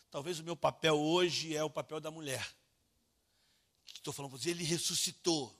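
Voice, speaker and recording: Brazilian preacher, husky bright voice, soft to loud swings, storytelling sermon. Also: male voice, medium pitch. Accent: Brazilian Portuguese. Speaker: pastor. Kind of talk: evangelical sermon.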